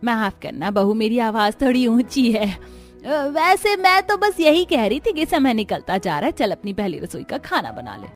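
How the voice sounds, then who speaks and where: A patient middle-aged cartoon mother-in-law coaxes and pleads in a fairly high, very lively voice, as a woman voices her. Soft music runs under the storybook dub. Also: normal speed. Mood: coaxing. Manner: gentle, pleading, conciliatory. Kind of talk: animated storybook dubbing.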